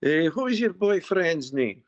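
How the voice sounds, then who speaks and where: Scottish man with a broad accent, higher-pitched. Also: very animated, a little slow, dry recording. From Scotland. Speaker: spirit medium giving a private reading. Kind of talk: casual chatty one-to-one consultation. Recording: dull, muffled lo-fi sound.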